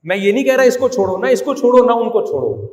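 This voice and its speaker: A man's voice: extremely high pitch, animated, a little mellow. A male religious scholar delivering a sermon, joking and scolding as he acts out family quarrels. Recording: echoey hall.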